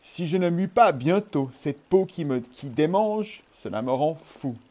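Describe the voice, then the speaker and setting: A whiny, scolding old female python, put on by a man reading a storybook. She frets and nags in a slightly raised voice. The tone stays mellow. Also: a little high, expressive, unhurried, voice pushed up.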